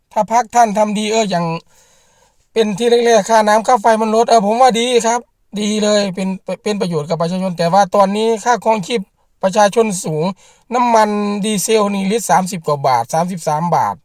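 A man's voice: high voice, a little mellow, no room sound, studio quality. A man, a rice farmer and channel host, talking straight to camera in an earnest, repetitive way as he appeals to the government. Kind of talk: direct-to-camera political vlog.

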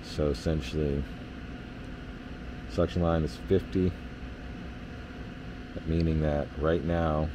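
In a relaxed, practical explanation of the system readings, a male HVAC technician stands in a basement furnace area and uses a lot of fillers. He speaks slowly in a very deep voice, pausing often, with noise all around.

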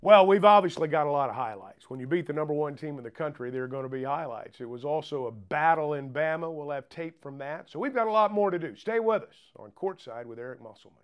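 A man in his sixties hosting a basketball show from courtside in an arena, speaking in a measured broadcaster's way on a lapel mic. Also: on the high side, expressive, smooth. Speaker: host and play-by-play announcer.

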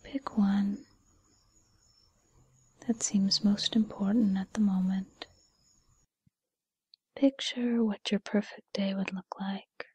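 A kindly, patient fairy godmother, played by a woman in a whispered role-play. She speaks in a very breathy, soft-edged whisper, taking her time. Her manner is soothing and encouraging as she reassures the listener. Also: mid-range voice, steady tone, dry recording. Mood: gentle, reassuring. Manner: soothing, encouraging, unhurried second-person address.

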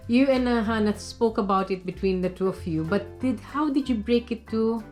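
A woman's voice: on the high side, darkish tone, faint music behind. Filipino woman asking long questions. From Philippines. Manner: asks long questions with pauses and fillers. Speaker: co-host. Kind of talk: casual interview chat.

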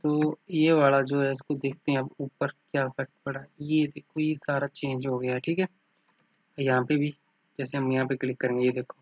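In this screen-recorded computer lesson, a medium-pitched man speaks through a dry, somewhat dull lo-fi microphone. Nearly every point ends with "ठीक है", and he points out on-screen items by saying "ये देखो".

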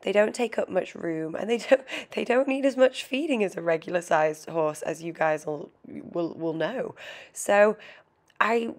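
Speaking at a measured pace in a fairly low register, this twenty-something British vlogger sounds stuffed up and nasal from a cold. Her casual voiceover is gushing and conversational.

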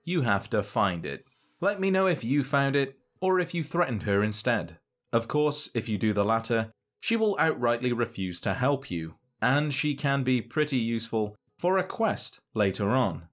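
A man narrating a scripted game video essay in a measured, dry and wry way. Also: medium pitch, very animated.

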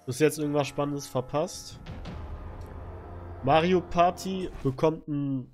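Male streamer, casual reaction commentary, slangy and dry, somewhat high-pitched. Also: a little slow, darkish tone. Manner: offhand, wry, slangy remarks to chat. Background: faint trailer music.

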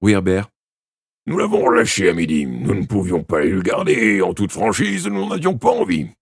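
A man's voice: lowish voice, sing-song, normal speed, gravelly, slightly rough, no echo, clean studio sound, heavily acted. A man putting on a stern, scolding police inspector. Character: gruff middle-aged male police inspector.

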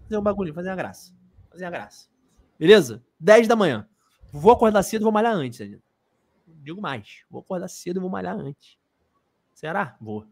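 Laid-back young man, lively high voice. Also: fairly quick, vocal fry, pauses often. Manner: laid-back, slangy, drawls words out. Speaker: co-host of a football channel. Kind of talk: casual live-stream chat.

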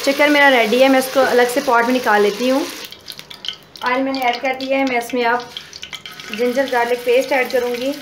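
A woman talks through a home recipe step by step. Her delivery is calm, homely and unhurried. Faint kitchen sizzling sits under the voice-over. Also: sits high, background noise. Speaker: cooking channel host. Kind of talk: casual cooking voice-over.

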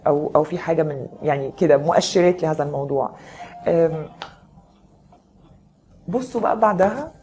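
A woman's voice: fairly low pitch, darkish tone, a little hiss or hum. Chatty Egyptian woman reading tarot live. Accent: Egyptian Arabic. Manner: chatty, greets viewers by name. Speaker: tarot reader.

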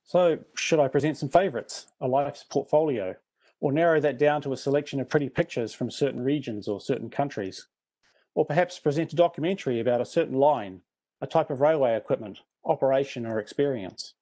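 A man's voice: medium pitch, a little fast, dark tone. A middle-aged man with a New Zealand accent, giving a prepared presentation with dry, self-deprecating humour.

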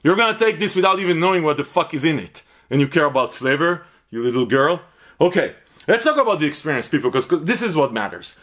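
A man's voice: a little high, big pitch swings, quick pace, fairly bright tone. A man reviewing a pre-workout supplement in a blunt, profane, rambling way, repeating himself for emphasis. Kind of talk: casual review vlog.

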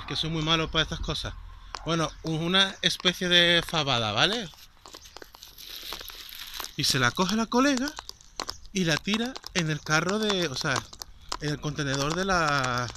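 A man's voice: a little high, noisy background. Indignant Spanish man telling a story. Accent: Spain Spanish. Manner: rambling and indignant, with many fillers. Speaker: vlogger. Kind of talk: casual storytelling.

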